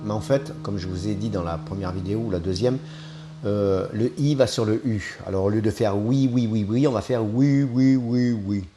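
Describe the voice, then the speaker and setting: With loud music playing behind him, a man with a lowish voice gives a brisk singing lesson. He explains vocal technique step by step in an explanatory manner, tagging his points with frequent little "hein" asides.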